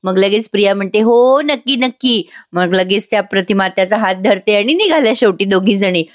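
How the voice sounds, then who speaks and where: A woman's voice: medium pitch, quick pace. Chatty woman reviewing a TV episode. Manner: chatty, addresses viewers directly. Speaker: TV serial reviewer.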